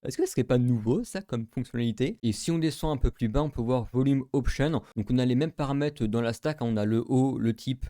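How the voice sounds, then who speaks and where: A man's voice: mid-range voice, fairly quick, few pauses, warm tone, no echo, clean studio sound. A man, casually talking through a screen-recorded tech tutorial, with many fillers and thinking aloud.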